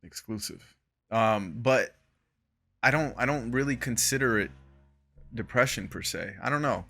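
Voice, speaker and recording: A man's voice: mid-range voice, lively intonation, measured pace, vocal fry, pushed and bright. A young man co-hosting a podcast in casual chat, laid-back and slangy, laughing often and trailing off. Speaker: podcast co-host.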